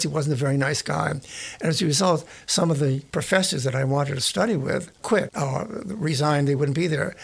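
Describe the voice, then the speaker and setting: Gravelly older man telling his story. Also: a little high. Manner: storytelling with frequent restarts. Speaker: interviewee, retired broadcast engineer. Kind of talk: casual reminiscing.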